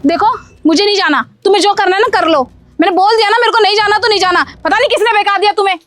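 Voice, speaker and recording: A woman's voice: very high voice, quick pace, a bit bright, no room sound. A woman voicing a scheming young wife in a cartoon story, bossy and dismissive, full of excuses, with faint music behind her. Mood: indignant. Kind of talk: Hindi cartoon story dubbing.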